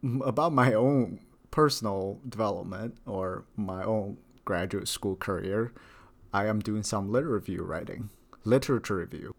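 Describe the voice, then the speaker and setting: In a relaxed podcast chat, a young grad-student co-host talks at normal speed in a lowish, gravelly voice. He leans on lots of fillers and tends to repeat words.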